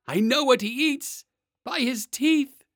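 Man voicing a panicky mayor, high-pitched, loud, pompous, dry sound. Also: slow pace, dry recording, heavily acted. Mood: pleading. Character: fearful pompous male mayor.

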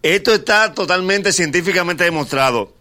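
Man, comic monologue, animated, laughing at his own jokes, high voice. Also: normal speed. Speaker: comedian leading the segment. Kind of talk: comedic monologue with banter.

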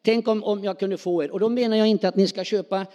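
A middle-aged man preaching a sermon, talking spontaneously and calling out questions to the congregation in a church hall. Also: sits high. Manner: animated, spontaneous, calls out to the congregation. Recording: long hall reverb.

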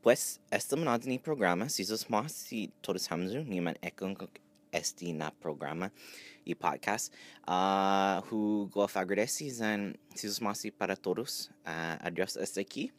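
A man's voice: low voice, normal speed. A man with a Chamorro accent hosting a podcast in a casual, conversational style. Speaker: podcast host.

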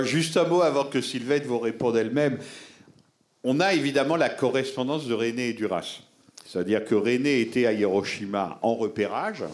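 Guy giving a talk, explaining to the audience, emphatic, mid pitch. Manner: explanatory, emphatic, addresses listeners directly. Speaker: film lecturer answering audience questions. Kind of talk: public talk with audience discussion.

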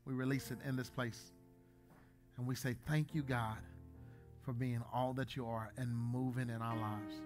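A man in his thirties, a pastor, preaching a sermon in a church, joking at times and then building to loud, emphatic bursts. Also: mid-range voice, fairly even intonation, unhurried, faint music behind. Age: 30s.

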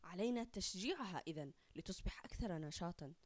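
A woman's voice: lowish voice, lively intonation, quick pace, no room sound. A woman voicing a curt, biased science teacher. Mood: defensive. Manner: curt, dismissive.

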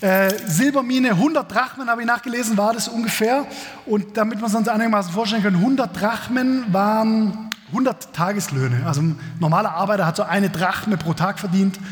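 A man's voice: high voice, brisk, a little hiss or hum. A man preaching a sermon, reading Scripture and explaining it in a casual, joking way with many fillers. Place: church. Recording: echoey church hall.

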